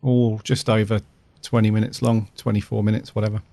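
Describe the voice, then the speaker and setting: A man hosts a podcast in casual chat. His voice is fairly low and recorded dry, with no room around it. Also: little pitch movement, fairly quick, creaky, warm tone, dry recording. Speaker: podcast host.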